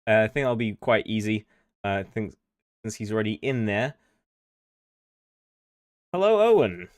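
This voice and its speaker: A man's voice: lowish voice, steady tone, fairly quick, no echo, clean studio sound. Hesitant male race host. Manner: hesitant, many ums and restarts. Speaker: co-host and interviewer. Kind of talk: casual broadcast hosting.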